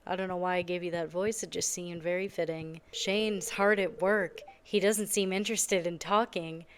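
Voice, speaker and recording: A woman's voice: fairly low pitch, fairly even intonation, moderate pace, slight background noise. A young woman giving casual, sarcastic commentary while she plays a game, often sounding exasperated. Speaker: gaming video creator.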